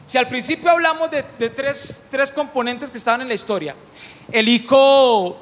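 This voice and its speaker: A man delivers a lively, humorous sermon, asking his listeners questions as he goes. His voice is very high, and a long hall reverb trails after every phrase. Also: normal speed. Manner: animated, humorous, questions the congregation. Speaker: preacher.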